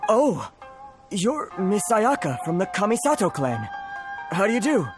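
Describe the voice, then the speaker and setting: An actor playing an anxious, apologetic merchant in a video game, hesitant and flustered. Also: male voice, sits high, big pitch swings, measured pace, music in the background. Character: anxious, apologetic foreign merchant, self-pitying.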